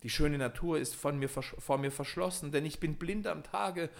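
A man's voice: a little high, moderate pace, gravelly, pitched above the performer's own voice. A man voicing a young enchanted owl princess in a fairy tale audiobook, speaking plaintively. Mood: lamenting. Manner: plaintive, lamenting.

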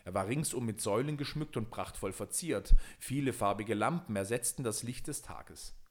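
A man narrating a fairy tale audiobook in a measured, expressive storytelling manner. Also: lowish voice.

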